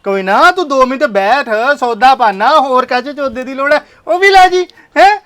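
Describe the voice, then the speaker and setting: A woman's voice: high-pitched, lively intonation, normal speed, fairly bright tone. A woman playing a lecherous male village shopkeeper, coaxing and repeating himself. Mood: wheedling. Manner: coaxing, keeps repeating "come, sit". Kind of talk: comedy skit acting.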